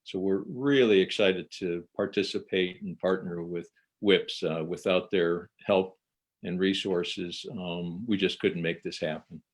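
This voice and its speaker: A man with a low voice co-hosts a casual chat. He speaks haltingly and fills his pauses with small sounds. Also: steady tone. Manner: hesitant, many filler words. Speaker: co-host.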